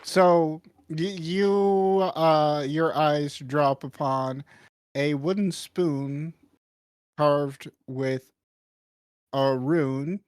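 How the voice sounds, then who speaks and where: A game master slowly narrating a tabletop game, pausing often with fillers. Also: mid-range voice, steady tone, a little mellow, clean tone, no echo, studio quality. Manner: slow, halting narration with many fillers.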